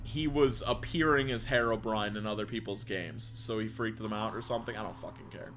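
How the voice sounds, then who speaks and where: A man's voice: lowish voice, a little fast, a bit bright, slight background noise. A man reading creepy stories aloud on a live stream, casual and profane, reacting and chatting with viewers between lines.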